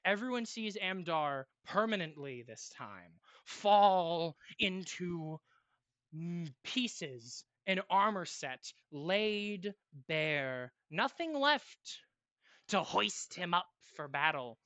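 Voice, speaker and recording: A game master narrating a tabletop game in a dramatic, drawn-out way. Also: mid-range voice, expressive, fairly bright tone, no echo.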